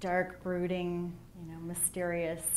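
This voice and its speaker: Candid, animated woman speaking in an echoey hall. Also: lowish voice, unhurried. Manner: candid and animated, with emphatic swells. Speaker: conference speaker. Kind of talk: personal keynote talk. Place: conference hall. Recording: echoey hall with faint room noise.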